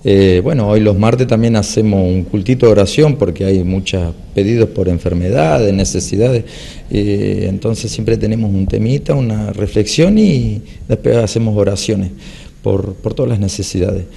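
A man in his fifties, a church elder, talking in a relaxed, rambling way with many fillers during a local TV interview in a hall. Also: on the low side, moderate pace, creaky, a little hiss or hum. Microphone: handheld reporter mic.

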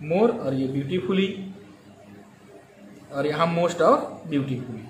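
Guy teaching grammar, high voice, echoey room. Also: animated. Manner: slow and explanatory, repeats key words and drawing out examples. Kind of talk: grammar lesson. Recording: echoey room with faint ambient noise.

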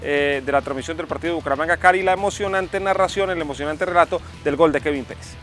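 Fast, high-voiced Colombian male sports host. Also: a bit bright, faint music behind. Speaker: football show host. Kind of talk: conversational sports presenting. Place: outdoors in a park at night. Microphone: lapel mic.

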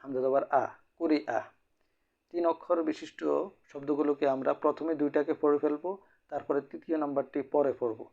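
A man teaching Quran reading, spelling out syllables and repeating them in a slow, rhythmic drill. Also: a little high, fairly even intonation, darkish tone. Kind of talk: slow spelled-out recitation lesson. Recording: dull lo-fi recording.

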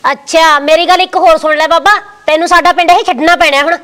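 A woman playing a fiery, fast-talking village wife. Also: extremely high pitch, fairly even intonation, fairly bright tone, no echo. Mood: threatening. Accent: Malwai Punjabi. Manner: quick, threatening, hot-tempered.

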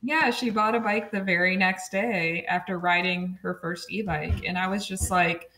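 A woman's voice: on the low side, steady tone, normal speed, sharp tone, echoey room. A woman guest in a casual interview, chatty, with frequent laughs and fillers. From Oregon, USA. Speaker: podcast guest, street-safety advocate.

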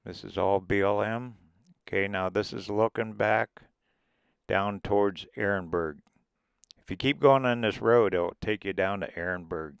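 A man with a fairly low, unhurried voice, some vocal fry and a smooth tone vlogs about RV travel from inside a vehicle on desert roads. He narrates casually and rambles, pointing out sights as he drives. The recording is dry and studio quality.

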